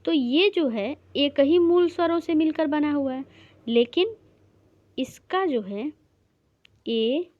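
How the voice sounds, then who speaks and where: High-voiced woman teaching step by step. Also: expressive, slow pace, muffled recording. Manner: explains step by step, stretching out vowel sounds, often checks with "theek hai". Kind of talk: exam-prep grammar lesson.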